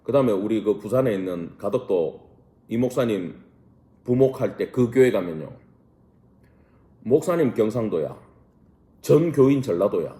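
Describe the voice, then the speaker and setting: A man's voice: fairly low pitch, animated, normal speed, long pauses, dark tone, reverberant. A man, a pastor, teaching a Bible study class in a church room, asking rhetorical questions and mixing casual and polite speech.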